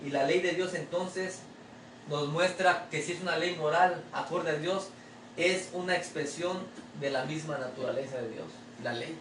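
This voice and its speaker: A male pastor delivers a chatty, conversational sermon at normal speed, full of rhetorical questions, addressing the listener as brother. His voice sits a bit high for a man. A mic some distance away picks him up in a roomy, echoing church sanctuary, with a faint ambient hush and a little hiss or hum.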